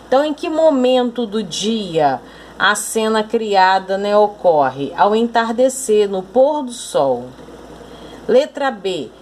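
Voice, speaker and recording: Slow, deliberate Brazilian woman teacher. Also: fairly high pitch, a little mellow, a little hiss or hum. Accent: Brazilian Portuguese. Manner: slow, deliberate explaining, often pointing things out. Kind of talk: recorded school lesson.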